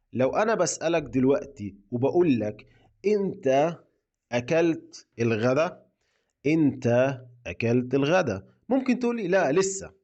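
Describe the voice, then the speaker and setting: Egyptian male tutor, mid-pitched, slow repeated examples, slightly muffled recording. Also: darkish tone. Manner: repeats example sentences slowly for learners. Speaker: Egyptian Arabic teacher. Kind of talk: slow, repetitive language lesson.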